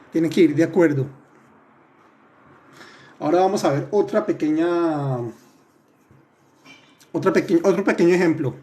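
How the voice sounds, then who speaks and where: A man with a fairly high, mellow voice teaches French in a live online class. He talks patiently, keeps checking that everyone is following, and corrects his students one by one by name. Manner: patient, repeats and checks with "¿listo?"; addresses students by name, corrects their answers.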